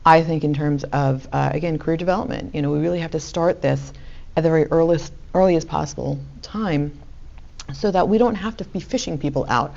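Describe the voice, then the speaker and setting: A woman's voice: deep voice, a little fast, gravelly, darkish tone. A woman with a New York accent answering panel questions earnestly, often repeating words as she starts a thought. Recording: dull lo-fi sound.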